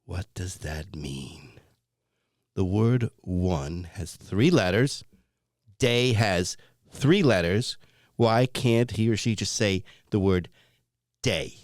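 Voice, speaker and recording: A man's voice: deep voice, lively intonation, slow pace, long pauses, a little mellow, dry recording, clean studio sound. A man with a New England accent co-hosting comedic banter, ranting with exasperation about everyday phrases. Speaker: co-host.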